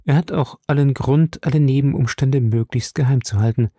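Man doing earnest young woman, measured, audiobook. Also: medium pitch, mellow, dry recording, clean studio sound, close to an everyday voice. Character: young lady, earnest and composed. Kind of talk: audiobook reading.

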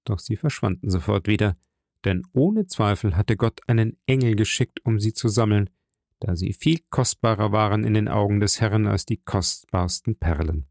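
A man reads a classic novel aloud in a measured, dramatic manner. His voice is gravelly with a dry, close sound. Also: lowish voice, darkish tone, no echo. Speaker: narrator. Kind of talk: audiobook reading of a classic novel.

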